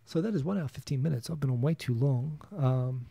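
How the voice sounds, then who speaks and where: Gravelly and dark-toned, this medium-pitched male voice moves a little fast, with no echo. The speaker, a man in his thirties with a New Zealand accent, rambles and chuckles through viewer comments on a casual solo live stream, restarting often.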